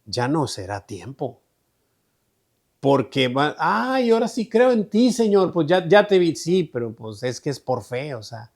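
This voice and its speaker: A man leads an online Bible study. His voice is mid-pitched, and he explains scripture in a loose, conversational way. He repeats phrases and often checks with his listeners. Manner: conversational, repeats himself, asks "¿verdad?" often. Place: online group meeting.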